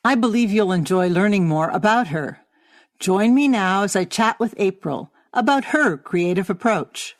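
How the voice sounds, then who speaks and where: A woman's voice: mid-range voice, lively intonation, moderate pace, no echo, clean studio sound. A woman hosting a podcast, reading an earnest intro and then asking an artist about her work. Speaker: podcast host.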